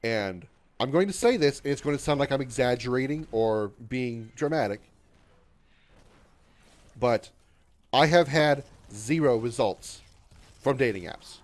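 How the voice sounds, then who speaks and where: A game streamer in his thirties chats casually with his viewers, his mid-range voice animated yet a little slow and broken by long pauses. He rambles, repeats himself, trips over his words, and runs himself down in a glum, self-deprecating way.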